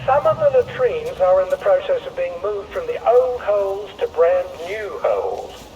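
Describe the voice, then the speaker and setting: A deadpan PA announcer, loudspeaker sound, echoey and far off. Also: male voice, sits high, moderate pace, highs cut off, a little hiss or hum. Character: male camp PA announcer, dry and official. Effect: loudspeaker announcement over a camp PA. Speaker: camp announcer.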